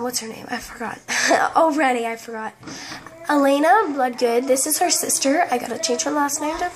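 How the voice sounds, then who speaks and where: A woman casually commenting on a life-sim game, rambling and halting, often tripping over words. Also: high-pitched, slight background noise. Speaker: game video creator.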